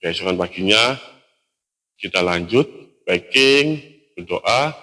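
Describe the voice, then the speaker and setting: Low-voiced man telling a hiking story. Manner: relaxed, halting narration with pauses and restarts. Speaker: storyteller recounting a hiking trip. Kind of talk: casual spoken storytelling.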